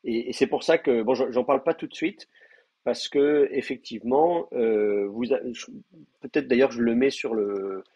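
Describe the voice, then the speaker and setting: A man's voice: mid-range voice, moderate pace, a little mellow, breathy edge, lo-fi sound. A man teaching an online class, explaining patiently with many fillers and restarts. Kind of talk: online lecture.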